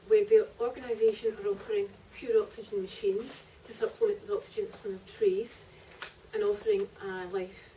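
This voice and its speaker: Reading from her own book at a library festival event, a woman author delivers narrative prose in a mellow, mid-range voice. The distant microphone adds a little hiss or hum.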